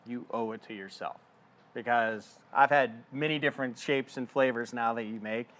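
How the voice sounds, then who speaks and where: A man hosting a live cooking demo, upbeat and playful, quick with a joke. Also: mid-range voice, a bit bright. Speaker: host.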